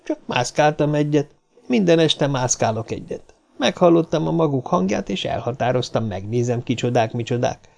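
A man's voice: medium pitch, animated, creaky, a little mellow. A male narrator voicing a small, cheeky man from a circus who stammers when frightened. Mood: cheeky chatter.

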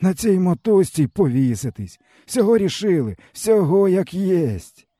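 A man's voice: sits high, very animated, unhurried, mellow, pitched above the performer's own voice. A man doing a weary, bitter starving peasant. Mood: groaning. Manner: mournful, rambling folksy storytelling. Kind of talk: audiobook character reading.

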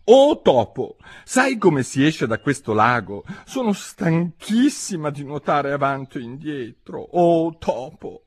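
A man's voice: fairly high pitch, very animated, slow pace, hardly any pauses, slightly rough, pitched above the performer's own voice, exaggerated voice. A man putting on a chattering, eager young girl. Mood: musing.

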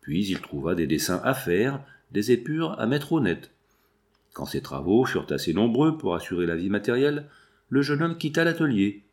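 Male audiobook narrator, expressive and measured, lowish voice, wide pitch. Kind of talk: scripted narration of a novel.

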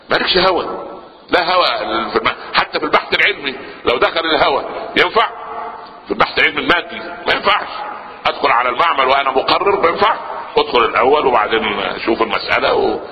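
Fast-talking Egyptian preacher in a hall. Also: male voice, mid-range voice, lo-fi sound. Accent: Egyptian Arabic. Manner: animated, asks the audience questions and answers them himself. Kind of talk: Islamic sermon lesson.

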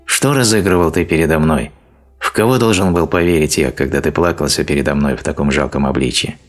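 A man's voice: extremely low pitch, fairly quick, faint music behind. A man reading a stern, angry male sage in an audiobook, scolding with harsh declamation. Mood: scornful.

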